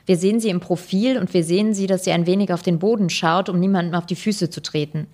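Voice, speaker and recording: A woman's voice: fairly low pitch, fairly even intonation, fast talker, a little mellow. A woman narrating a first-person audiobook in a dry, sardonic way.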